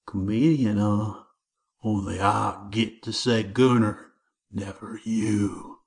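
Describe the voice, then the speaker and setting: A man voicing a big menacing schoolyard bully with a high, wavering, twangy voice. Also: fairly even intonation, slow pace, gravelly. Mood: taunting.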